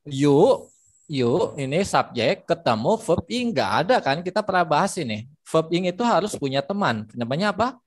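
A man's voice: a little high, very animated, normal speed, no room sound. Chatty male English teacher, dry sound. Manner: chatty, explains with examples, frequent fillers. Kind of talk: live online English lesson.

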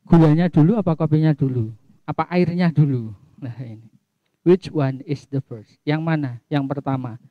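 A middle-aged man, teaching an English lesson online and slowly repeating phrases with their translations. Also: fairly high pitch, no room sound, narrow, tinny audio.

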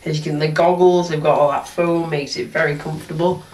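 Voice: medium pitch, steady tone, a little fast, a little mellow, reverberant, far from the mic. A thirteen-year-old talks through a face mask in a casual, rambling product review. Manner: rambling, hesitant, repeats "so yeah".

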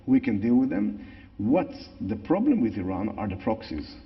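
A man's voice: fairly low pitch, sing-song, normal speed. A middle-aged man from Israel with an Israeli accent, explaining things conversationally as an interview guest. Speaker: interview guest, tour guide. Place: large church sanctuary, indoors. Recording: echoey large hall, slightly dull sound.

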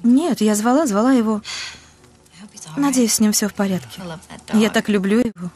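An actress in a dubbed film drama playing an affectionate young bride-to-be with a tender, teasing manner. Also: female voice, mid-range voice, normal speed, mellow, close to an everyday voice. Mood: worried, tender. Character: bride-to-be, affectionate young woman, anxious for her dog.

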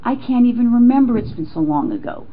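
A woman's voice: on the high side, very animated, fast. Casting: middle-aged American woman, jittery accused suspect under police questioning, stammering and defensive; dull recording with faint noise. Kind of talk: informal police interrogation interview. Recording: muffled, noisy interrogation room recording.

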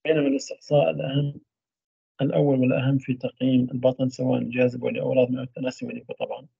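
Guy rattling off a med lecture, super raspy, kinda muffled lo-fi audio. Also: medium pitch, flat delivery, mellow, no echo. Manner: halting, trails off mid-phrase into drawn-out fillers. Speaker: medical lecturer. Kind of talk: university radiology lecture. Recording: dull lo-fi dry recording.

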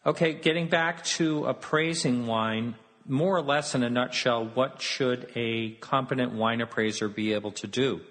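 A man's voice: medium pitch, a little slow, a bit bright. Male interview host, curious, asks follow-ups, long reverb tail around the voice. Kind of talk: interview questions. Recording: long reverb in a roomy space.

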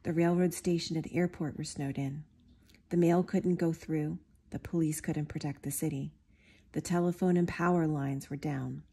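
Woman reading a storybook aloud, mellow and husky. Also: deep voice, normal speed. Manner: expressive, lively character voices. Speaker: storybook reader. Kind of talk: reading a picture book aloud.

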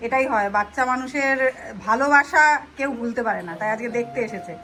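Quick high-voiced young mom vlogger. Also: female voice, fairly bright tone. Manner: brisk chatty delivery mixing in English phrases. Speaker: vlogger and housewife; mother of a baby. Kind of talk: casual family vlog chat and product promo.

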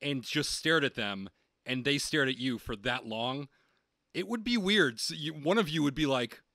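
A man with a bright, forceful voice trades wry, profane jokes about a film in casual podcast chat, chuckling as he goes. The sound is close and dry, with almost no room around it. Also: mid-range voice, lively intonation, normal speed, no room sound. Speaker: podcast co-host.

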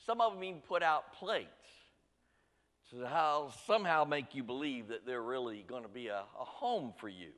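Pastor guy preaching, mid pitch, big echoey church hall, chatty and teasing the pews. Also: fairly bright tone. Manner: folksy, talks straight to the congregation with light teasing. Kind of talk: sermon. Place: church sanctuary. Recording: church sanctuary with long reverb.

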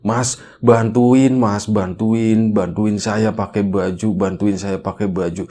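A man voicing an eerie male ghost who begs slowly for help. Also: fairly low pitch, fairly even intonation, dark tone, faint music behind. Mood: pleading. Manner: slow, drawn-out pleading.

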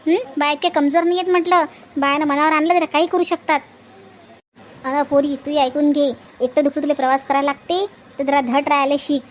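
A woman's voice: high-pitched, little pitch movement, fairly quick, a little hiss or hum, lightly acted. A woman voicing a fierce middle-aged village auntie who scolds hotly, speaking with a Varhadi Marathi accent. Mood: furious lecture. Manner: scolding, fiery, righteous.

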